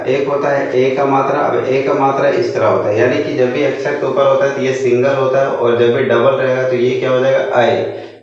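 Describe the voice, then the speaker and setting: A male teacher giving a phonics lesson, slowly sounding out syllables and asking rhetorical questions to check understanding. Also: medium pitch. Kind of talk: Hindi phonics lesson for children. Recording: echoey room, distant mic, dull sound.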